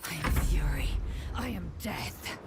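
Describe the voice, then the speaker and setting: An actress playing a fierce, deadly female fighter in a video game, delivering slow, menacing, hushed battle lines. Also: low-pitched, animated, heavy background noise.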